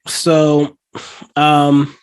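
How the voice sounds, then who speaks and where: A man hosting a casual movie review podcast, chatting loosely with lots of fillers and acting out scenes in lively voices. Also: fairly high pitch, very slow, clear, resonant tone. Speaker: podcast host.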